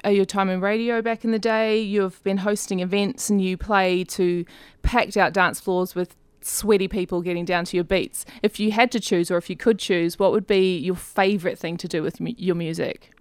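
A woman hosts a casual interview in a studio. Her voice is clean and smooth, and she asks questions conversationally. The recording is dry and close. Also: medium pitch, steady tone, moderate pace, dry recording. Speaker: radio show host, interviewer.

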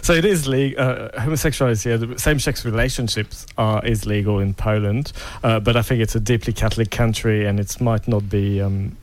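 Male co-host, lowish voice, halting delivery with fillers. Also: steady tone. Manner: hesitant, many uhs. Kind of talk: casual chat.

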